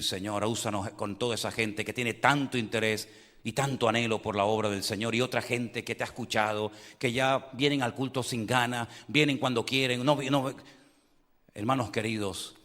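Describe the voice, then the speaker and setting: An older man, preaching a sermon as pastor, moving between fervent appeals and hushed prayer. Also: lowish voice, big-room sound. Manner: impassioned preaching, swinging from loud to hushed prayer.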